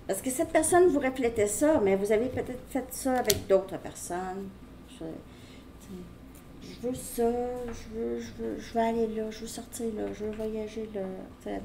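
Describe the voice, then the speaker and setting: A woman gives a casual, rambling tarot reading, speaking directly to her viewer. Her voice is warm and mellow, at a middling pitch. A faint hiss of noise sits under the recording. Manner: rambling, talks straight to the viewer. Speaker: tarot reader.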